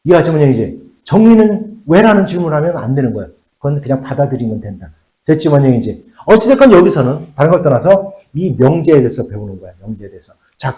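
A man teaching a math class, posing questions to students and answering them himself, stretching key phrases out slowly. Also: a little high, a little mellow, echoey room.

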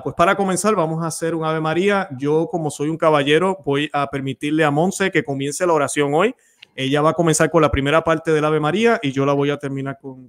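Chatty Mexican man hosting a stream. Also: a little high. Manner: chatty, inviting, loses his thread. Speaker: host.

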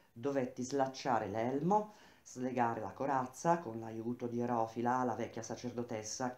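A woman with a low voice reading a novel aloud in first person, intense and emphatic, slowing down on key words. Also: a little mellow. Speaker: reader of a novel. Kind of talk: dramatic literary reading. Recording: echoey room.

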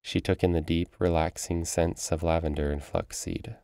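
A man narrating a short story in a calm, even way. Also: low-pitched, moderate pace, gravelly, no echo.

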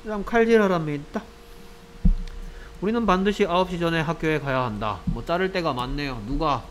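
A man teaching grammar in class repeats everything in English and then Korean, checking comprehension with frequent quick questions. His voice is a little high with a fairly bright tone, and the poor audio has slight background noise.

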